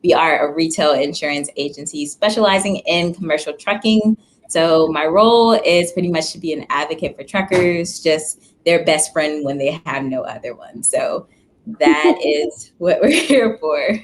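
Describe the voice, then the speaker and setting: A woman's voice: deep voice, normal speed, slight background noise. A woman speaking casually as a guest, introducing herself and her role. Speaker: guest, insurance claims manager.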